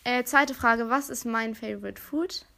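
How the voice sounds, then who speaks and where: A young teenage girl with a high, bright voice puts questions to her friend. She is chatty and giggly, keeping it casual throughout. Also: measured pace, gravelly. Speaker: friend asking quiz questions. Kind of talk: casual chat in a question challenge.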